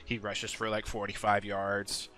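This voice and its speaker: With soft music in the background, this man runs through his weekly game picks in a loose, rambling solo commentary full of ums and occasional cursing. He's a sports picks video host whose lowish voice stays monotone and measured, yet pushed and bright.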